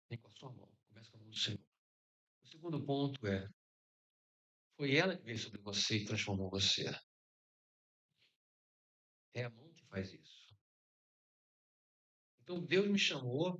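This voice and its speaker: A man's voice: medium pitch, a bit bright. A middle-aged man with a Brazilian Portuguese accent giving an informal conference sermon, joking and tossing out rhetorical questions. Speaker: conference speaker.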